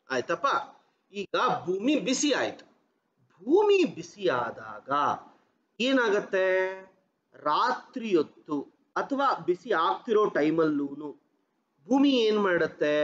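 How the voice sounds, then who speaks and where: A man's voice: high-pitched, highs cut off. A man teaching a geography lesson to exam students, mixing in English terms and asking questions that he answers himself. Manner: mixes English terms into his talk.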